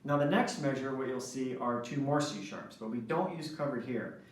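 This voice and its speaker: A man teaches saxophone fingerings in an instructional lesson, often pausing to ask "right?". His voice sits at an ordinary middle pitch. The recording is heavily echoey, with the mic set back from him. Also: animated. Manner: explanatory, frequent "right?" checks. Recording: echoey room, mic at a distance.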